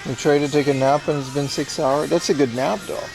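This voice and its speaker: A man's voice: fairly high pitch, steady tone, a little fast, creaky, rough recording. A man chatting casually and laid-back as he hosts a livestream while browsing a busy store. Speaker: livestream host. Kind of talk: casual chat, IRL livestream commentary. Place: busy retro game store. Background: shop music.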